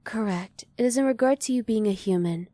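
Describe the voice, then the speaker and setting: A woman voices a female alien for an ASMR roleplay, lightly acted, curious yet emotionally reserved. She speaks softly in a slightly high voice, choosing formal, careful, exact wording. There's no echo.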